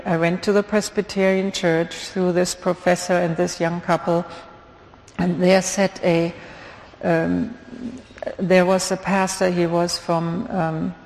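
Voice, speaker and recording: A woman's voice: mid-range voice, gravelly, a little mellow. Earnest German-accented woman testifying in church. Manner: earnest, halting, with many fillers. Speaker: guest speaker giving testimony. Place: church sanctuary. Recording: long hall reverb.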